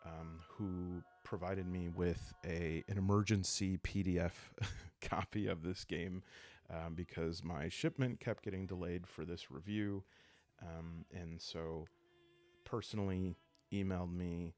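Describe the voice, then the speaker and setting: Low-pitched and unhurried, a man hosts a solo role-playing series of calm ASMR narration meant to lull viewers to sleep. He speaks in a soothing, relaxed way over background music.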